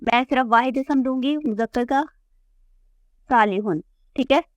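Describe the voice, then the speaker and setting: A woman's voice: on the high side, moderate pace, no echo. A woman teaching Arabic grammar, patiently repeating word forms and checking in with her students. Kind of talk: classroom lesson explaining a chart.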